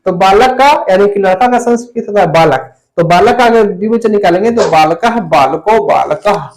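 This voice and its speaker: A man's voice: sits high, moderate pace. A man teaching Sanskrit grammar in an online lesson, explaining step by step and repeating key words back to students as questions.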